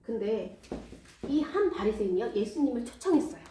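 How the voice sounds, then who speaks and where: A woman preaching a storytelling sermon in a church, high and lively, often asking her congregation questions. She sounds distant in a roomy hall, with faint noise underneath. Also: normal speed. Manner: animated, asks the congregation questions.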